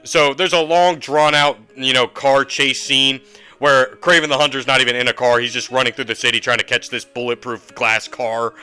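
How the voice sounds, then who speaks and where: A man's voice: medium pitch, sharp tone, clean tone. A man giving a casual, rambling movie review rant with lots of fillers and frank asides. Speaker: host.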